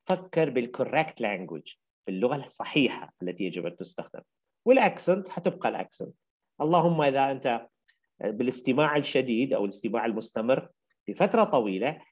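An older male teacher with an Iraqi accent and a medium-pitched voice. He gives a university lecture, moving through the material step by step and repeating key phrases to make his point clear. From Iraq. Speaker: English teacher.

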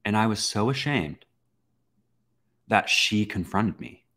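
A young man hosting a podcast, telling a personal story in a casual, animated way, with swearing and acted-out reactions. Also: lowish voice, slow pace. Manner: animated, swearing, acts out his own reactions. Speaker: podcast host.

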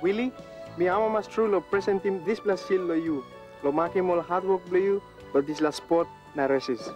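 A man's voice: high-pitched, moderate pace, dull audio, loud music behind the voice, lightly acted. Man playing an encouraging Papua New Guinean pidgin-speaking coach. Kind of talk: acted educational film dialogue.

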